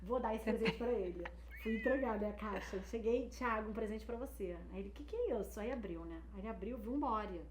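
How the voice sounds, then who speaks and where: A woman's voice: mid-range voice, fairly quick, few pauses. A woman in her thirties, animatedly telling a personal story in casual chat and acting out the people she quotes. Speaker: guest. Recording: echoey room with faint noise.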